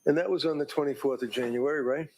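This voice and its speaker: This defense attorney's voice runs on the high side with a darkish tone as he cross-examines a witness in court. He leads the questioning haltingly, often repeating his words.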